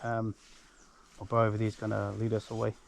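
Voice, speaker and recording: A man's voice: on the low side, monotone, fairly quick, vocal fry, background noise. Man with a broad Kiwi accent. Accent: broad New Zealand. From New Zealand. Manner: laid-back, slangy, matey. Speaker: hunting vlog host. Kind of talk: casual outdoor vlog talk and narration. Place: outdoors in a mountain valley.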